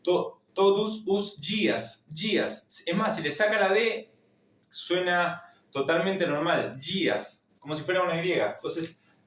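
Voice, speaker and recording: A man with an Argentine accent teaching a language lesson, repeating each word slowly to drill its pronunciation. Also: high voice, fairly bright tone, echoey room, far from the mic. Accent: Argentine Spanish. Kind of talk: slow spoken lesson.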